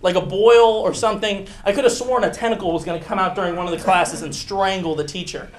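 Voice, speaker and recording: A young man with a high-pitched voice delivers a comic true-story monologue. He rambles, backtracks and pokes fun at himself. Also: fast talker. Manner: rambling, self-mocking storytelling. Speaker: improv performer.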